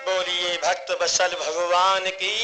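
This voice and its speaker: A man's voice: high-pitched, level tone, slow, loud music behind the voice, low-quality recording. A middle-aged man tells a devotional katha in a declamatory way, repeating phrases for emphasis. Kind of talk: devotional katha narration with sung laments.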